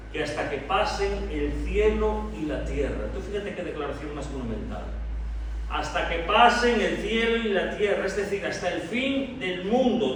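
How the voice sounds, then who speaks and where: A man from preaching an expository sermon to a congregation, emphatic and slowing down to stress key phrases, calling them brothers. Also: high voice. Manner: addresses the congregation directly as brothers. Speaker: pastor. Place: church hall. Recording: echoey hall from far off, faint noise.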